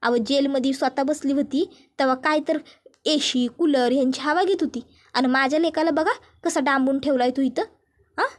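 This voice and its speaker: Woman reading as a loud scolding mother. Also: high voice, normal speed, natural voice. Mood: ranting. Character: angry scolding middle-aged mother.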